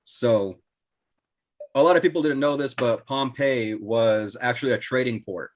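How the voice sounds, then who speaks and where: A man's voice: mid-range voice, measured pace, a little hiss or hum. A man hosting a casual podcast over a video call, loose and joking. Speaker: host. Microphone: video call mic.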